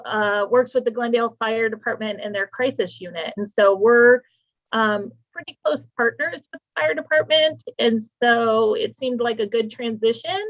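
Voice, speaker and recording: Eager woman on a muffled call. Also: fairly high pitch. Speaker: victim services manager. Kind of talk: self-introduction at a virtual meeting.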